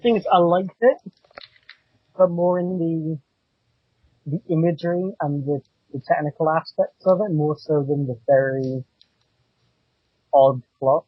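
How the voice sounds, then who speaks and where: A man chats casually about films, slightly high and a little husky. His voice comes out muffled and dull, as if heard through a wall. The cheap cable headset mic sounds dry and close. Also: unhurried, pauses often, dry recording. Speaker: podcast co-host. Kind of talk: casual film chat.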